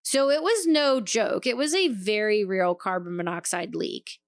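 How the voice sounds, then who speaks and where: Animated woman telling a story, dry sound. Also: mid-range voice, a little slow, dry recording. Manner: animated, swears freely, acts out quoted lines. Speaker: podcast co-host. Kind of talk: casual storytelling chat.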